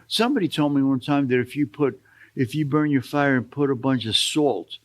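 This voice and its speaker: A man's voice: mid-range voice, normal speed. An older man telling rambling, folksy stories as a guest on a talk show. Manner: rambling, folksy storytelling with asides. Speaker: storytelling guest. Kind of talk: casual storytelling on a talk show.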